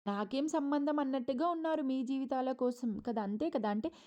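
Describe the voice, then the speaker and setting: A woman's voice: high-pitched, brisk, mellow, dull audio. Chatty woman retelling a TV serial. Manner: chatty, many fillers, acts out quotes. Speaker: TV serial reviewer. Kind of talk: casual episode retelling.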